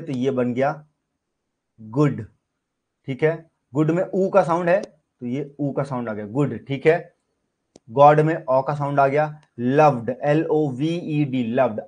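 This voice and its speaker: A man's voice: a little high, a little mellow, breathy edge. A man with an Indian accent teaching shorthand in an online class, explaining step by step and asking and answering his own questions. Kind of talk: online class lecture in Hindi-English mix.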